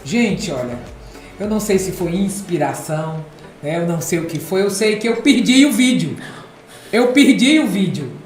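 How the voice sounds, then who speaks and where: A woman from the Northeast hosting a podcast, speaking emphatically and repeating phrases for effect, with a deep contralto quality. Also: animated, moderate pace. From Ceará, Brazil. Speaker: podcast host and speaking coach. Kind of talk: casual podcast chat. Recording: echoey room, soft music behind.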